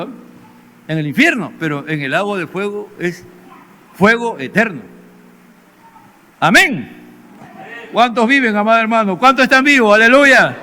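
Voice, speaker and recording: Emphatic high-voiced preacher. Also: male voice, pushed and bright, slight background noise. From Peru. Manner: emphatic, addresses congregation directly with rhetorical questions. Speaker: pastor. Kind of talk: sermon. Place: church service.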